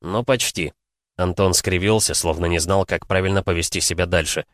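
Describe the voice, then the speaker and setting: A man reads a novel aloud in a measured, even storytelling manner. His voice is low, and the recording is dry and close, with no room sound. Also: no room sound. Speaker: audiobook narrator. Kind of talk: scripted narration.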